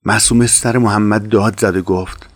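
A man narrating an audiobook in a measured, calm storytelling manner. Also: fairly low pitch, breathy edge, no echo.

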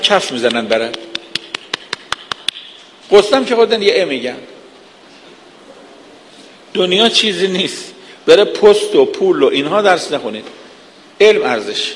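A man's voice: sits high, sing-song, long pauses. A man giving an earnest sermon, lecturing with vivid everyday examples. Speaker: preacher. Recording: long hall reverb.

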